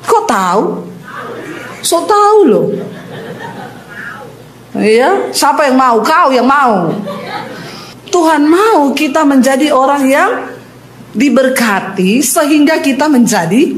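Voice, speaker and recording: A woman pastor preaching a lively sermon to a congregation, acting out the people in her stories and putting questions to the listeners. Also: sits high, takes it slowly, roomy sound. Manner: animated preaching, acting out quoted voices, asks the congregation questions. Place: church with congregation.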